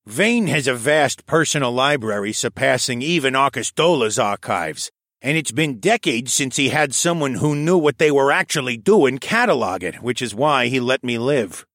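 A man voicing a shrewd, crafty old male koala archivist who talks in a knowing, animated way. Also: mid-range voice, moderate pace, no echo, pitched above the performer's own voice. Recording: dry close studio sound.

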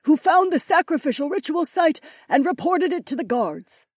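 A man's voice: extremely high pitch, expressive, normal speed, dry recording, clean studio sound, pitched above the performer's own voice. A man voicing a cold, imperious queen who presides over a trial in an audiobook. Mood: icy. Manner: stone-cold, commanding. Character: cold, imperious queen, middle-aged woman. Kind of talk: audiobook character voice.

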